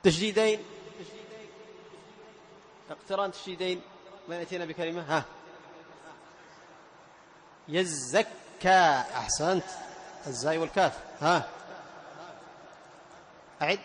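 A man teaching Quran recitation rules, explaining each point, chanting verses slowly and drawn out, and quizzing his students. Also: fairly high pitch, slight background noise. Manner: quizzes students and praises answers. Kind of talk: tajweed lesson with recited examples.

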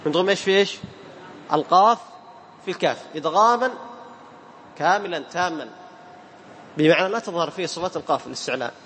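A man teaching Quran recitation in a classroom, patiently quizzing students and chanting verses slowly. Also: fairly high pitch, a bit bright. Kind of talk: classroom tajweed lesson. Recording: hall reverb, faint room noise.

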